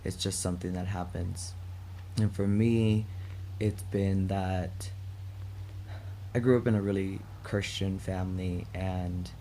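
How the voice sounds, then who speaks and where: A young man with a low, gravelly voice speaks candidly to his vlog audience. He is reflective and halting, choosing words as he goes. Faint outdoor ambience sits behind his mellow tone. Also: a little hiss or hum. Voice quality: gravelly, throat-clearing. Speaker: vlog host. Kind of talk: casual personal vlog. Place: outdoors in chilly morning air.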